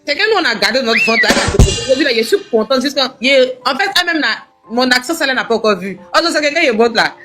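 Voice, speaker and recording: A woman with a fairly high voice chatting briskly on a live stream. She strings her thoughts together with casual fillers. Music plays clearly in the background. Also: expressive. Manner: chatty, fond of fillers like "genre" and "et tout". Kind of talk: lively live stream chat.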